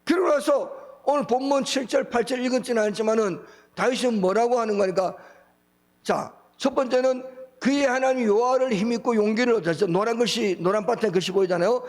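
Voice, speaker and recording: Animated high-voiced Korean pastor preaching. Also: male voice, a little fast. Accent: Gyeongsang Korean. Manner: animated, acts out quoted speech with big pitch swings. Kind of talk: sermon.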